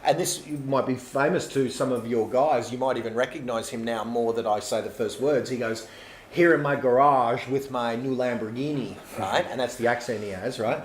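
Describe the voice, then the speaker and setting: A man hosting a podcast interview, telling stories with animated energy and frequent laughter. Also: medium pitch, fairly quick, few pauses. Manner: animated storyteller, laughs often. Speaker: podcast host. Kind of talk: casual interview chat. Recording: roomy echo, faint background noise.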